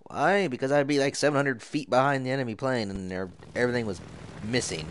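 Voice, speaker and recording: A man's voice: medium pitch, quick pace. A tired man giving casual, rambling commentary while playing a flight combat game, yawning and apologizing now and then. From Florida. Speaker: gamer. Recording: noisy home recording.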